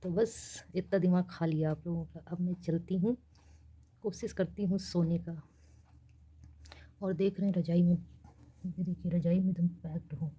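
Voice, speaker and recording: A young woman from India chatting casually in a late-night vlog, speaking softly so she won't wake her neighbours. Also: lowish voice, fairly even intonation, normal speed, long pauses, husky. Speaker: vlogger. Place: small rented room in a girls' hostel, at night.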